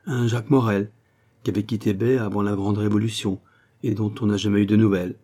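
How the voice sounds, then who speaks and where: A man voicing an excitable, plain-spoken provincial middle-aged woman. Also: fairly low pitch, brisk, natural voice. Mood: excited.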